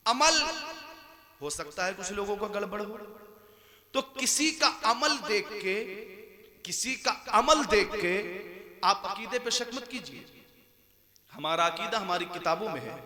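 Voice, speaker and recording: Male preacher, high voice, shifts from quiet explaining to fiery shouts, live crowd behind. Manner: swings from soft explaining to impassioned shouting. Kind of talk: sermon.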